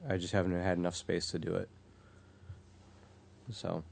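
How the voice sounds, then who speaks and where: A man's voice: deep voice, flat delivery, normal speed, creaky, darkish tone. A man co-hosting a podcast in casual chat, hesitant with fillers and dry jokes. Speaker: podcast co-host.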